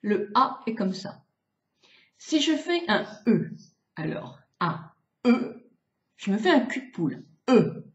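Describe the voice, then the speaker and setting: A woman's voice: fairly high pitch, big pitch swings, slow, long pauses. A French beautician in her sixties giving a chatty, demonstrative face-exercise lesson, stretching out vowel sounds as she goes. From France. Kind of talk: casual face-exercise tutorial. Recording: roomy, slightly dull home video.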